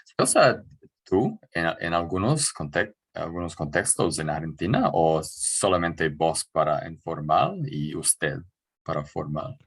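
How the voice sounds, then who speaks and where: Hosting a casual interview, a native speaker from New Zealand asks careful questions with small hesitations. His voice is deep and husky, with a sing-song lilt and a slightly slow delivery.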